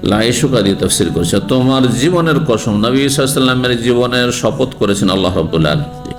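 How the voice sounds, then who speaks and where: A man delivers a religious lecture, steady and explanatory, in a medium-pitched voice. He keeps turning to his listeners with rhetorical questions. Faint background music runs under his voice. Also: very fast. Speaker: Islamic scholar giving a lecture.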